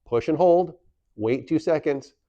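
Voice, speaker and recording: This presenter's voice is slightly high, a little slow and mellow, recorded dry with the highs cut off. He's giving a how-to for a community association, laying out the steps plainly. Key points get repeated for emphasis.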